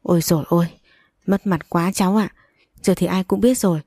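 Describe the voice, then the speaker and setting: A woman's voice: lowish voice, fairly even intonation, fairly quick, warm tone, dry recording, clean studio sound. A woman voicing a distraught middle-aged mother in a storybook reading, wailing as she speaks. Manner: wailing lament.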